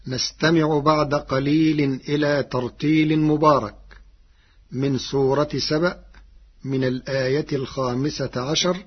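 A man presenting a lesson on recitation variants in a measured way, chanting the quoted verses more loudly than his explanations. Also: mid-range voice, husky. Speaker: presenter of a Quran reading lesson. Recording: dull lo-fi recording.

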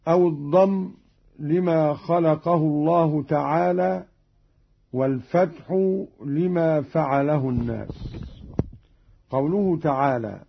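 A man with a slightly high, breathy voice explains recitation rules at an unhurried pace. He moves between plain explanation and intoned examples of each verse. The recording sounds muffled and lo-fi. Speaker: Quran recitation teacher. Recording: dull lo-fi recording.

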